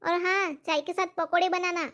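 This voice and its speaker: A bossy, greedy old mother-in-law, as a woman plays her. She nags without pause, and her voice sits very high. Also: little pitch movement, a bit bright, slight background noise. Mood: demanding. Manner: nagging, bossy.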